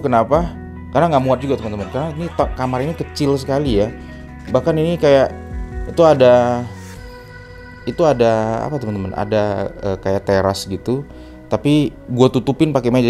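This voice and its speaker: Indoors, in a sparse new rented house with strong echo and faint music, a worn-out man casually shows viewers around and talks to them like friends. His voice is medium-pitched and a little mellow.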